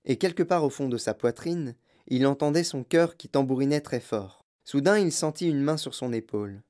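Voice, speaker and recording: A man reading a children's novel aloud as an audiobook narrator, with expressive storytelling. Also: mid-range voice, normal speed. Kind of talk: scripted narration.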